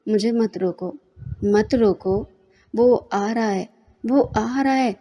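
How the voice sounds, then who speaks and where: A panicked young man, frantic and repeating himself in cries, read aloud by a woman. The voice lifts a little higher than her narration and stays mellow in tone. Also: slow, in a large hall.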